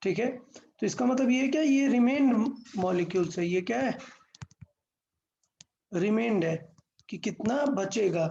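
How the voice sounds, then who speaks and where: A woman's voice: on the high side, measured pace, creaky, long pauses, dark tone, highs cut off, slight background noise. A woman teaching a physics lesson step by step, asking questions and answering them herself, mixing English terms into Hindi.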